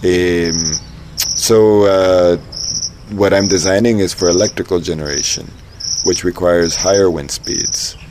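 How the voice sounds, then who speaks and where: A man's voice: low-pitched, fairly even intonation, measured pace. A man from Ecuador being interviewed, speaking thoughtfully with many fillers and restarts. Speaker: interviewee, engineer and dance teacher. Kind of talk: casual interview. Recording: outdoor noise with loud crickets. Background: loud crickets and insects.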